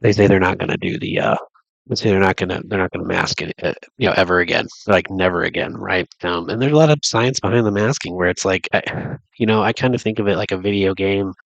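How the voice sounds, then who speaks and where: A deep-voiced man with a gravelly edge talks through a loose, rambling monologue. His nose is stuffed up from a cold, and he circles his points with restarts and fillers. The sound is close and dry. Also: fast, no room sound, low-quality recording. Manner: thinking aloud, many restarts and fillers. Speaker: vlogger.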